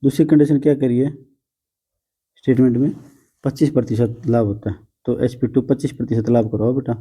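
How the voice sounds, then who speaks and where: Male math teacher, patient and teasing, dark husky tone. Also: medium pitch, steady tone, a little fast. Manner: patient, calls students "beta", teasing. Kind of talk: blackboard math lesson.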